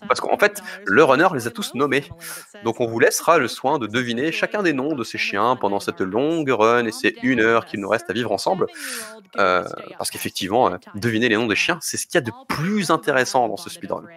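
A man commentating a speedrun live, explaining techniques step by step with halting restarts and light joking asides. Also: mid-range voice, lively intonation, fairly bright tone.

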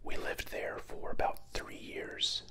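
A man's voice: slow pace, pushed and bright. A young man from Florida whispering a rambling, self-doubting ASMR chat close into microphones. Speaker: ASMR creator. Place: small home room with neon lights, indoors. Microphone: two studio mics close on either side.

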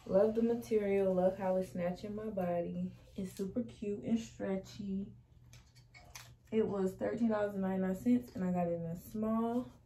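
A woman's voice: mid-range voice, steady tone, normal speed, mellow, slight background noise, poor audio. A young woman, chatting through a clothing try-on haul in her bedroom, sassy and full of slang. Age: young adult. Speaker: fashion vlogger. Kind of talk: casual try-on haul chat. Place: small bedroom indoors. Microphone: camera across the room.

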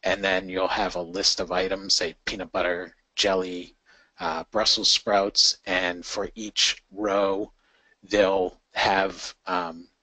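A man with a low, bright-edged voice walks participants through survey design in a live online session. He talks loosely, with plenty of ums and restarts. The sound is dry and close. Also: slow pace, vocal fry, no echo, low-quality recording. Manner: conversational, many fillers and restarts. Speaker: session facilitator. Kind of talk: live webinar teaching.

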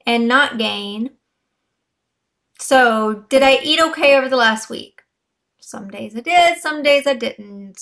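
Woman vlogger, a little hoarse, fairly high voice, casual and rambling, talking straight to viewers. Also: fairly bright tone. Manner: chatty, rambling, with many fillers and restarts. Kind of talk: casual weight-loss update vlog.

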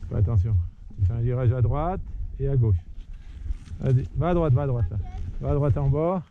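Out on a snowy mountain ski slope near the forest, a man coaches his kids as he skis, shouting brief, encouraging commands again and again while filming. His voice is mid-range at a moderate pace, and the worn action camera gives a dull, lo-fi sound with a little wind.

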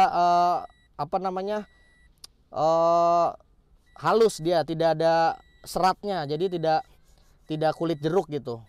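A man's voice: a little high, darkish tone, dry recording. A man giving a casual, enthusiastic walkaround of a modified car, showing off each upgrade and repeating his praise. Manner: enthusiastic, repeats "keren banget nih" and "teman-teman". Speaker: car workshop vlogger.

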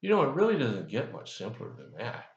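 Seated in a leather chair in his office, an older man preaches a conversational devotional into a webcam, putting questions to the listener. His mid-range voice swings hugely in pitch at a brisk pace, and the audio is dull and echoey.

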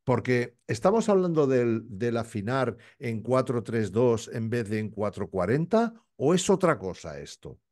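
A man's voice: mid-range voice, unhurried, hardly any pauses. A middle-aged man hosts an interview over a video call from his home office. He talks freely and jokes, spinning out long questions. His voice sits in a middle range. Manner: chatty and animated, joking, long run-on questions. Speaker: host. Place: home office with framed posters.

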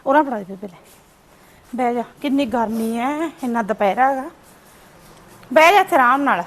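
A woman's voice: a little high, animated, moderate pace. A woman playing a kind neighbour in a family drama, talking in a soothing, consoling way. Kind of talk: amateur family drama acting.

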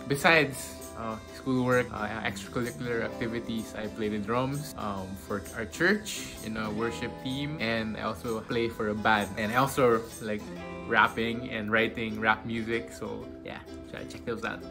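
A young man in his twenties answers interview questions from home in an earnest, thoughtful way. Music plays clearly underneath his voice. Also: on the low side, steady tone, normal speed, poor audio. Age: 20s. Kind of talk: recorded self-introduction. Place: home room indoors.

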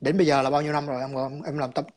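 A man's voice: a little high, flat delivery, racing, a little mellow. A man calling in to a chat, explaining his views in a rambling way, repeating words and slipping in English terms.

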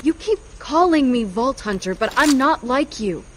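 An actress playing a sarcastic, quick-witted young woman in a video game, dry and flippant. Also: sits high, lively intonation, slight background noise.

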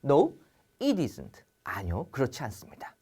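Lively low-voiced woman teaching English. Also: husky. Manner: animated, acting out question-and-answer pairs with shifting voices; slow, drilled English phrases, then quick Korean explanations. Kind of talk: TV English grammar lesson.

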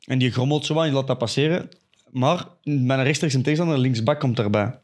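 A young Flemish man chatting casually and telling a story, animated and full of restarts. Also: mid-range voice, brisk, noisy background. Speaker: podcast co-host, footballer. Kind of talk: casual chat.

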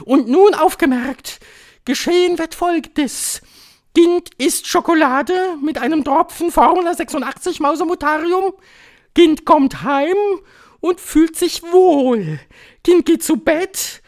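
A man voicing a cruel old female witch queen, shrill and commanding, gloating in clipped declarations for an audiobook. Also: slow pace, darkish tone, full character voice. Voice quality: shrill, thundering. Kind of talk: audiobook reading.

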